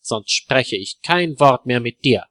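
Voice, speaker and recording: A man's voice: medium pitch, expressive, takes it slowly, fairly bright tone, no echo, studio quality. A scolding angry wife, as a male narrator puts her on.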